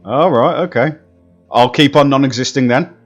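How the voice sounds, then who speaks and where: A man's voice: mid-range voice, normal speed, soft background music. A man streaming a video game, making jokey, sarcastic asides in casual commentary.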